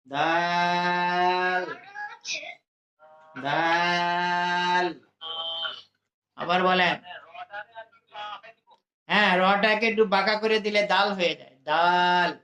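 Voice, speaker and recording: Male Quran teacher who drills letters slowly, with a bright, echoey sound and faint music underneath. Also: high voice, steady tone, dull audio. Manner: slow, drawn-out letter drills for students to repeat. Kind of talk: adult Quran reading lesson.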